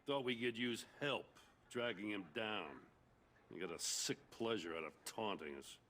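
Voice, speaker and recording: Gordon, low-voiced veteran police commissioner. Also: male voice, expressive, moderate pace, fairly bright tone, slight background noise. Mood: weary, grim. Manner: world-weary, plain-spoken. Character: gruff veteran police commissioner, weary, loyal, indignant. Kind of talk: dramatic video game acting.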